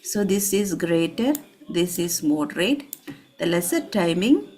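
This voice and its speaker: A woman's voice: fairly low pitch, lively intonation, darkish tone. Woman teacher drawing out letter sounds. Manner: slow, drawn-out letter demonstrations; checks in with "Understood?". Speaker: Quran reading teacher. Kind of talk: online class instruction.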